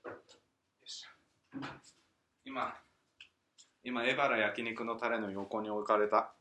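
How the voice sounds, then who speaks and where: A man hosting a casual solo podcast at home at night, rambling and musing aloud as he reads listener mail, with soft chuckles. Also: lowish voice, steady tone, measured pace. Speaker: podcast host.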